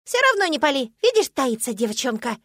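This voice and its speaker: A woman voicing a squeaky, bossy male squirrel in an audiobook. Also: very animated, brisk, a bit bright, dry recording, studio quality. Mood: scolding. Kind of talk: audiobook character voice.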